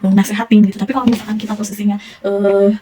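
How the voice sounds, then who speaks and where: Young Sundanese woman teacher, fast and encouraging, mellow husky voice, for a primary classroom. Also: medium pitch, flat delivery, soft background music, poor audio. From Indonesia. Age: young adult. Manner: encouraging, praising pupils often.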